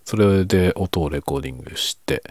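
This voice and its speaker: A man hosting a quiet late-night solo chat, talking in a soft, unhurried, rambling way from his bedroom. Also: low voice, no echo, clean studio sound. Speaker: podcast host.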